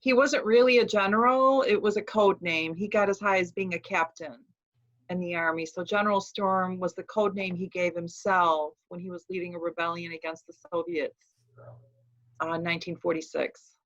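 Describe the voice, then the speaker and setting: A woman's voice: on the low side, steady tone, normal speed, fairly bright tone. A woman answering interview questions in a plain, direct way, on dull lo-fi audio. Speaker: interview guest.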